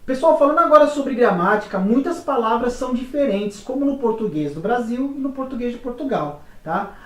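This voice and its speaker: A woman's voice: a little high, lively intonation, fairly quick, far from the mic, soft background music. A woman co-hosting a casual explainer chat, talking loosely with frequent fillers. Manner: chatty, uses fillers like "tá" and "né". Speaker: co-host. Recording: echoey room, away from mic.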